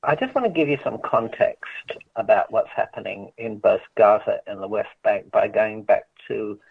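A man speaks over a narrow, tinny phone line, his voice gravelly and a little husky. He gives a steady, measured explanation as an activist interviewee. The sound is thin and boxed in. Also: fairly low pitch, no echo. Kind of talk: explaining political context.

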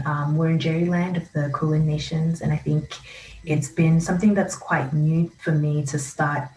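A woman's voice: low-pitched, a little mellow. A woman hosting an interview, asking reflective questions and murmuring encouragement. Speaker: podcast host. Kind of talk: conversational interview. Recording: echoey room, faint hiss.

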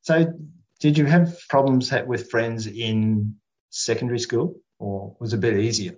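A man's voice: medium pitch, normal speed. Australian male community radio host, slightly muffled. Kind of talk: radio interview hosting. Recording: dull, lo-fi radio audio.

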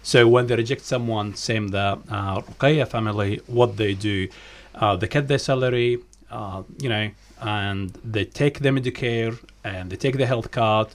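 A man speaking as a guest on a radio interview, halting and hesitant with many fillers. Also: fairly low pitch.

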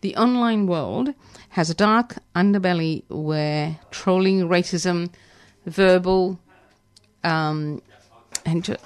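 A woman presenting live on AM community radio, reading announcements in a halting, stumbling way. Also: lowish voice, clear, resonant tone. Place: radio studio.

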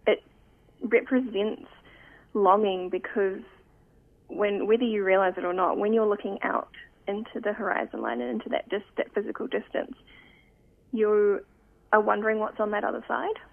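A young woman talks in a slow, reflective way, often pausing to find the right words. Her voice carries a gravelly fry, and it comes through thin and phone-like. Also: mid-range voice. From New Zealand. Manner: thoughtful, searching, many pauses. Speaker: photographic artist, guest. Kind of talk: reflective interview talk. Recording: tinny phone-line sound.

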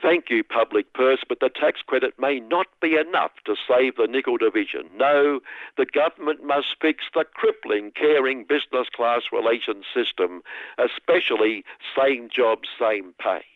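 Man, sarcastic satirical commentary, mid pitch, tinny dry radio line. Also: moderate pace, no echo. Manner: sarcastic, mock-outraged.

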